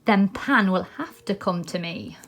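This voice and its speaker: A woman's voice: medium pitch, animated, fairly bright tone, slight background noise. Lady putting on a villainous pirate captain, scheming, drawling his threats, storybook baddie. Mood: furious scheming. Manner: menacing, drawn-out, theatrical.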